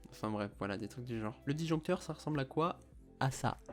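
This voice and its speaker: A man's voice: medium pitch, lively intonation, a little fast. Young French man with a slight slushy lisp. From France. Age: early 20s. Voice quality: slight lisp, slushy s sounds from a palate expander. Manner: slightly mumbled articulation, chewing his words. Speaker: vlogger telling of his own treatment. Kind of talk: explanatory vlog talk to camera. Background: music.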